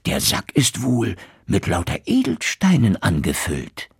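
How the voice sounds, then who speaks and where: A man's voice: on the low side, wildly swooping pitch, measured pace, gravelly, slightly rough, no room sound, studio quality, full character voice. A man voicing a greedy, cowardly innkeeper in a fairy tale. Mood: scheming. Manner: scheming, then whiny.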